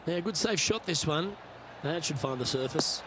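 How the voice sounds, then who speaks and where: A man playing an upbeat golf commentator in a video game, giving short, measured play-by-play remarks on each shot. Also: on the high side, expressive, background noise, natural voice. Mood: upbeat, approving. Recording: loud music and crowd behind.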